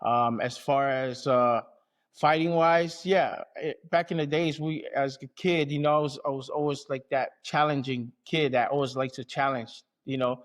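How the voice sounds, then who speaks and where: Steady in tone and speaking at normal speed, this man's voice is mid-range. The interviewed athlete, from American Samoa and Southern California, keeps the conversation casual and colloquial, peppering it with "you know what I mean."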